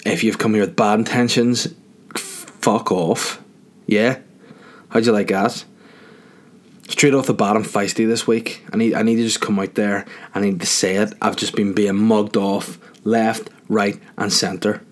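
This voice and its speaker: Low-voiced man, sweary podcaster. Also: little pitch movement, moderate pace. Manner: sweary, rambling, mock-indignant. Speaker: podcast host. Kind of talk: casual comic solo podcast monologue. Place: small box room in a house.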